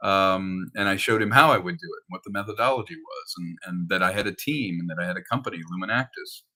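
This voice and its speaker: In a deep, sharp voice and at a fast clip, a film director and screenwriter chats about what his projects are up to. He is rambling and anecdotal, acting out bits of quoted dialogue.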